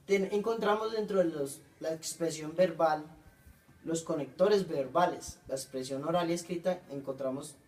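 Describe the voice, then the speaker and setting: A man, reading out a class presentation on punctuation and coherence, pausing often and correcting himself. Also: a little high, darkish tone, far from the mic. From Colombia. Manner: halting, frequent self-corrections.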